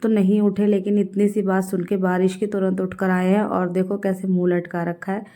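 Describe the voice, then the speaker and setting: In a casual home vlog, a woman in her thirties chats directly to her viewers in Hindi, mixing in English words, while unwell with a fever. Her voice is medium-pitched, level and dark-toned, at a normal speed.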